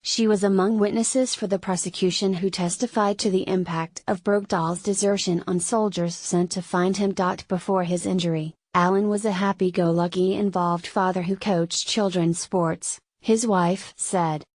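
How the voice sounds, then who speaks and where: A woman's voice: lowish voice, steady tone, moderate pace, few pauses, a little mellow, dry recording. A woman reading a scripted news article as a narrator, quotes included in the same reporting voice.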